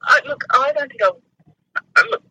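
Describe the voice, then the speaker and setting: A woman's voice: sits low, lively intonation, normal speed, pushed and bright, dry recording, poor audio. A middle-aged woman in casual chat, wry, with hesitant starts and repeated words.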